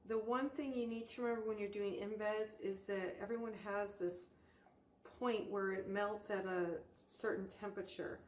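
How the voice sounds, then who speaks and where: A woman with a mid-pitched voice talks through a hands-on craft tutorial in an informal way. She explains each step as she goes. The room adds a clear echo, and there is faint noise behind her. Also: fairly even intonation, normal speed. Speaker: host of a soap-making tutorial channel.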